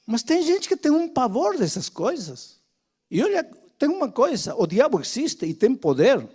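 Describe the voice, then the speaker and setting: An older male preacher giving a sermon, moving from loud, impassioned exhortation to quiet, hushed storytelling. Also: very high-pitched, very animated, moderate pace, slightly rough.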